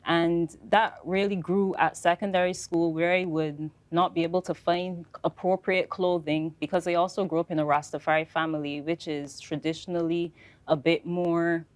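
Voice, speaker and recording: A young woman, a fashion designer speaking on a panel in a measured, reflective way. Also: fairly low pitch, level tone, no room sound. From Barbados. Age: young adult. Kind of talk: panel talk.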